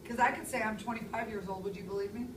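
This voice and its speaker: A woman's voice: medium pitch, fairly even intonation, quick pace, far from the mic, noisy background. Emphatic woman teacher in an echoey classroom. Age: 30s. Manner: clear, emphatic, stresses key words. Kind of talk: classroom language lesson. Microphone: far camera.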